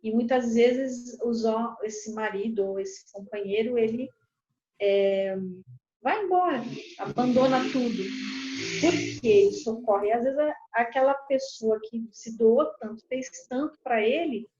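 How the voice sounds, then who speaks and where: Higher-pitched Brazilian woman explaining calmly. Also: unhurried. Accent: Brazilian Portuguese. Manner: explains calmly, acts out quoted dialogue animatedly. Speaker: lawyer. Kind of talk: explanatory talk. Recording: dull lo-fi recording.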